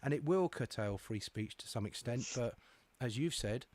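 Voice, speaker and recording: A man's voice: medium pitch, lively intonation, moderate pace, darkish tone, no echo. Matey male talk-show host, dry sound. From England. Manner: friendly, matey, lots of agreeing murmurs. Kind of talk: live radio-style chat show.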